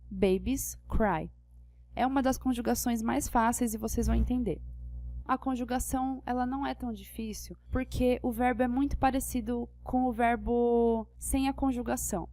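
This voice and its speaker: A woman's voice: a little high, warm tone, no room sound. A young Brazilian woman with a Brazilian Portuguese accent, an English teacher explaining grammar patiently and checking that students follow. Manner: patient, checks understanding with questions. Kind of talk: classroom lesson explaining grammar.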